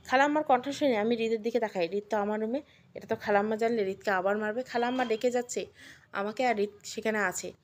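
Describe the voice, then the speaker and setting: A woman telling an emotional audio story in the first person, with earnest, steady narration. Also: a little high, fast talker.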